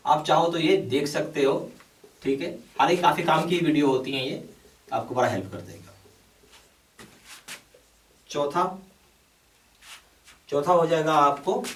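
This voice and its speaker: A man teaching as a bank exam coach, laying out a course and urging students on, often checking in with "okay". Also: fairly high pitch. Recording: echoey room, mic at a distance.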